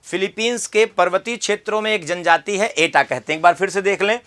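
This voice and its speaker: A man's voice: high-pitched, brisk, fairly bright tone. A man teaching an exam-prep geography lesson, repeating key terms and quizzing the viewer with questions.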